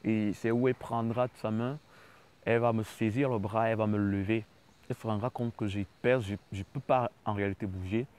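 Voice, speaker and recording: A man telling his personal testimony as a story, with halting, repetitive phrasing. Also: fairly low pitch, steady tone, a little mellow, clean tone.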